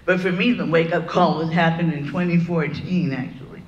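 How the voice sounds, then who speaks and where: An older woman, a plant scientist on a panel, telling a story in a lively, chatty way with "you know" and "right?". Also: lowish voice, moderate pace, dull audio. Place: conference room with audience. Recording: echoey room heard from a distance, faint noise.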